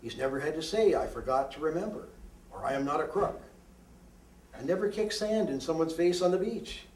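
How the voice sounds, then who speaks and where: A male poet reads his own work aloud at a live poetry reading, delivering it in a declamatory style. His voice is a little high and somewhat dark in tone, with lively intonation at a normal speed. The microphone is distant, so the sound is echoey and roomy.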